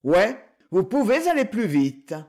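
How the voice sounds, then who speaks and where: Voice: mid-range voice, sing-song, unhurried, darkish tone. A reader doing a surly old man. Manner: surly, snapping. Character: gruff hostile old man in a wheelchair.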